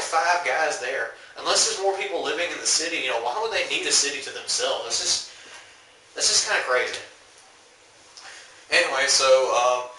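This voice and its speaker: A man's voice: mid-range voice, pushed and bright. A young man casually recapping a manga chapter, rambling with lots of fillers in a laid-back way. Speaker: manga reviewer. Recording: roomy echo, mic far off, faint hiss.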